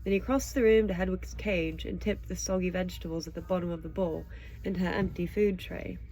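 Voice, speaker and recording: With a lowish, mellow voice and fairly even intonation, this woman reads stories aloud expressively at a brisk pace before chatting casually about them with a child. She is an audiobook reader and show host, and the audio is poor.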